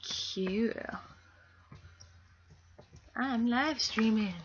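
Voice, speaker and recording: A woman's voice: on the high side, extremely slow. A young woman live streaming from home, chatting casually in a rambling, giggly way, her throat scratchy from a cold. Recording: dull lo-fi stream audio.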